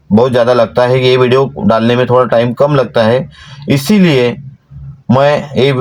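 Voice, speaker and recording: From inside a parked van, a man who hosts a devotional channel gives his followers an earnest, exhorting devotional talk. His tone is darkish, and his pitch climbs whenever he stresses a point. The audio quality is poor.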